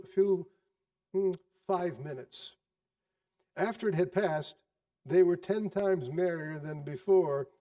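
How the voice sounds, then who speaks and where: A man narrates a classic story theatrically, using dramatic, deliberate phrasing and varied emphasis. His voice is a little high and mellow, and he sounds far from the mic.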